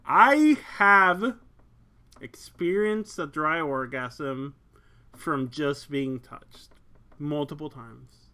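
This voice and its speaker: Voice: mid-range voice, extremely slow, pushed and bright. A Twitch streamer casually reading a visual novel aloud, swearing and laughing between lines. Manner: crude and swearing, laughs often; reads narration aloud, breaks off to joke.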